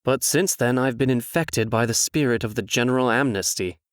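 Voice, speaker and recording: A man's voice: medium pitch, moderate pace, no room sound, lightly acted. Man acting suave, scheming Prince Charming, recorded dry. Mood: falsely contrite. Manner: smooth-talking, theatrical, falsely humble. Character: suave, vain, scheming storybook prince and ex-husband. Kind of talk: comic dub acting.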